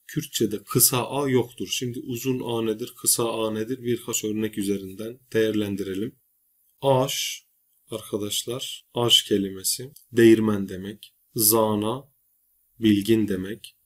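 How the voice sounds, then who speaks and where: A male teacher giving a recorded grammar lesson, patiently explaining and slowly repeating example words. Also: lowish voice, flat delivery. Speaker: language teacher.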